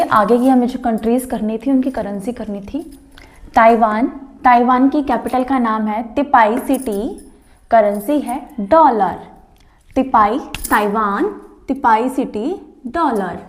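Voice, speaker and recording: A woman teacher giving a board lesson for exam preparation, slowly repeating names and asking students to say them back. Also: on the high side. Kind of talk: whiteboard exam-prep lesson. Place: classroom with a board.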